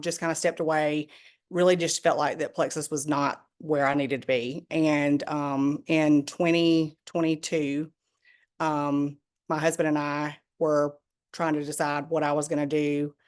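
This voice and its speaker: Low-voiced woman with a Georgia drawl. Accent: Southern US, Georgia drawl. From small town in northeast Georgia, USA. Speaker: guest, direct sales team member. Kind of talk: personal testimony on a group call.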